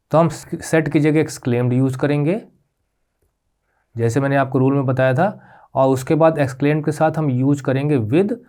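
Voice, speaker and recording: A man teaching a grammar lesson as a voice-over on slides, patiently repeating checks and spelling out terms slowly. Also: darkish tone. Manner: patient, repeats "ठीक है?" checks with rising pitch; spells out terms slowly, mixing English words into Hindi.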